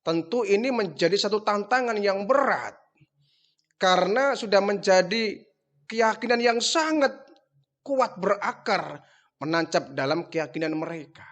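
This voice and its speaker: Male preacher, high voice, casual storytelling sermon, lively asides. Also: unhurried. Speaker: Islamic preacher.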